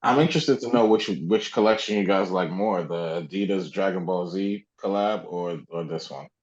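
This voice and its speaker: A young man co-hosting a casual podcast, frank about his opinions. His voice sits on the low side. The sound is a little dull and lo-fi. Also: moderate pace. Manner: blunt, opinionated. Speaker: podcast co-host. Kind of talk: casual chat.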